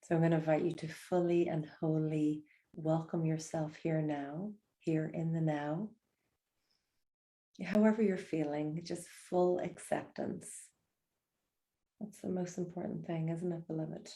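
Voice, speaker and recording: Low mellow woman's voice with some fry, soft slow meditation guide talk. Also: fairly even intonation. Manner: soft, slow and soothing, gentle invitations.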